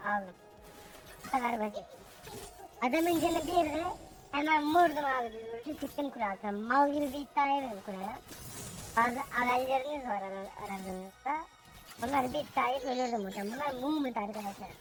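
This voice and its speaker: A gamer's voice, raised high by a helium effect, commentates on their own play over clearly audible music. The delivery is casual and cocky, styled as a crude mock tutorial full of slang and cursing. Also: fairly quick. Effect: pitched-up helium voice effect. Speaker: gaming video creator commentating own gameplay.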